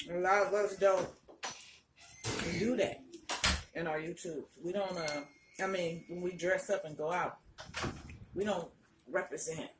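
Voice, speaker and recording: A woman chats casually and frankly between bites of crunchy fried chicken, in a colloquial mukbang style. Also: fairly low pitch. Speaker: vlogger. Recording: roomy, distant mic, faint noise, clicks.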